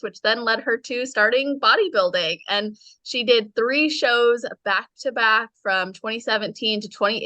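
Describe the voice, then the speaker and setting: A woman's voice: a little high, sharp tone, no room sound. Upbeat woman podcast host, dry sound. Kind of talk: podcast interview.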